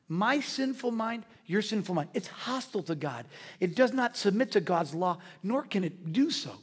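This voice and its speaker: A man preaching a sermon as pastor, swinging between loud, riled-up delivery and hushed, quiet asides. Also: high voice, husky. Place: church sanctuary. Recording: long hall reverb.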